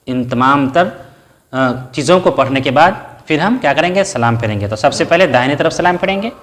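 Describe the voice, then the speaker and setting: Patiently teaching step by step, a male religious teacher with a mid-range, fairly bright voice asks questions and then answers them. Short Arabic prayer phrases are recited along the way.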